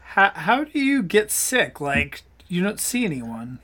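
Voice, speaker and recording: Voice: medium pitch, big pitch swings, measured pace, pushed and bright. A podcast host chatting casually and upbeat, often restarting sentences. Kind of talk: casual chat.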